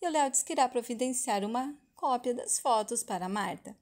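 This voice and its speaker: A woman with a Brazilian Portuguese accent tells the plot of a soap opera episode in a chatty, casual way, tying scenes together with quick linking phrases. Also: fairly high pitch, darkish tone.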